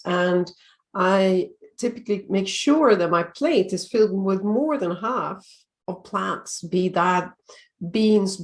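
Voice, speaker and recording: Calm Swedish-accented woman giving tips. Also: mid-range voice. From Sweden. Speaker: time-management coach. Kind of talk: video tip talk.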